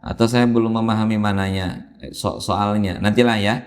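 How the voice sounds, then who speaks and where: A man teaching Quran reading in a mosque, explaining patiently and chanting drawn-out examples. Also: on the low side, steady tone. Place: mosque hall. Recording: long hall reverb in a mosque.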